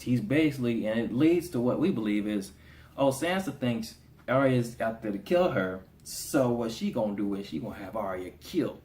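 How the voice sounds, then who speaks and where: A man giving a casual spoken review of a TV episode, slangy and animated, slipping into voices for the characters. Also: medium pitch, a little hiss or hum. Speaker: TV show reviewer. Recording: roomy echo.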